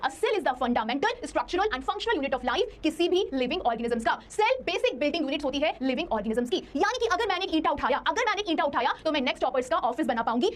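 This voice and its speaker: A young woman teaches a science lesson from a studio in a very high voice. She talks at a breakneck pace, playful and chatty, and keeps asking her students if they understand. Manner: chatty, playful, talks straight to students with many checking questions. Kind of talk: online class lecture.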